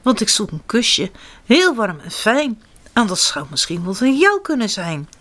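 Soft little storybook mouse, girlish and sweet, voice leaping up and down, unhurried, read aloud by a woman. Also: mid-range voice. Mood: earnest. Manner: lively, rising storybook voice. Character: gentle little female mouse seeking a kiss. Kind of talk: reading a picture book aloud to children.

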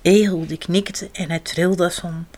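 A woman reading children's picture books aloud with an expressive, sing-song delivery. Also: lowish voice, a little slow. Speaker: children's storyteller.

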